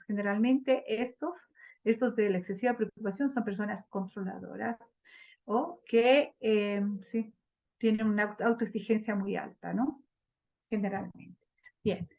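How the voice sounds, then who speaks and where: A woman teaching a flower therapy class, lively, often acting out the people she quotes. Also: a little high. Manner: lively, acts out quoted people in changed voices. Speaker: instructor of a flower therapy workshop. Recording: dull lo-fi class recording.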